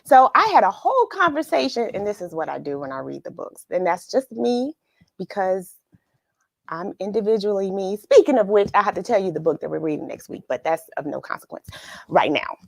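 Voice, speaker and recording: A woman with a medium-pitched, gravelly voice speaks a little fast and very animatedly, hosting a children's read-along at home. After the story she chats casually and expressively with young viewers, musing aloud as she addresses them, and there's no room sound.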